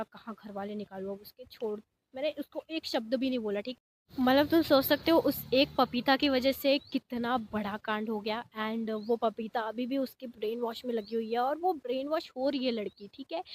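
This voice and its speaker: High-voiced young woman, animated storytime. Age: young adult. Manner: animated, exasperated, mixes English words into Hindi. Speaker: vlogger telling a story. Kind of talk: casual storytime monologue.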